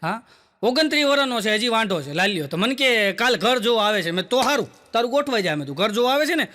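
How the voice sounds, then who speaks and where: A man telling stand-up jokes as a chatty storyteller, acting out quick bits of dialogue. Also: sits high, big pitch swings, sharp tone. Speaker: stand-up comedian. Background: audience laughter.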